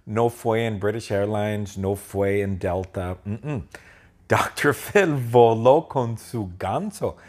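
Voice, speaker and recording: A man telling a silly story slowly in simple sentences, playfully repeating each line. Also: lowish voice, a little mellow.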